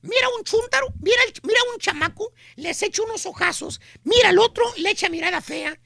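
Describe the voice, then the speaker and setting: Gravelly, slangy Mexican comic host. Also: male voice, extremely high pitch, dry recording, studio quality. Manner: slangy, animated, dramatic pauses. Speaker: radio show host. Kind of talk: comic storytelling.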